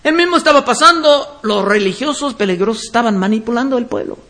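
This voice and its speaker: A man preaching a verse-by-verse Bible teaching sermon, reading scripture aloud and then explaining it deliberately. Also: very high-pitched, expressive, pushed and bright.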